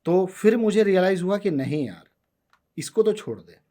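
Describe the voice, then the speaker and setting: A man in his thirties from India, a guest telling his story in a relaxed conversational way, switching between Hindi and English. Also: sits high, moderate pace. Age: 30s. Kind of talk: casual conversational interview.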